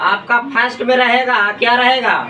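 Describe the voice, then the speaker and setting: A man's voice: extremely high pitch, fairly even intonation, moderate pace, noisy background. A male teacher leads a classroom lesson, asking and answering his own questions over and over. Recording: echoey room, mic far off. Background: students in the room.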